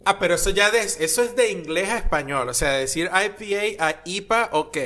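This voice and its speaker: A man co-hosting a casual podcast, chatting in an animated, joking, slangy way. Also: sits high, normal speed. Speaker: podcast co-host and language teacher.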